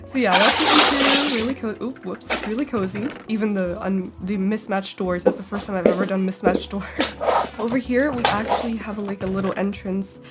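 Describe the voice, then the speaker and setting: A young woman giving casual, bubbly commentary on a Minecraft build, giggling often and squealing when excited. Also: medium pitch, fairly quick. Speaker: Minecraft YouTuber. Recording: loud music bed behind voice. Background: loud background music.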